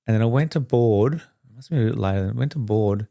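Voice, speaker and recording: Middle-aged male podcast host: low, gravelly, mellow voice, rambling storyteller, dry close recording. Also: fast, dry recording. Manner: rambling, chatty, often restarts mid-sentence. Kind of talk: casual storytelling monologue.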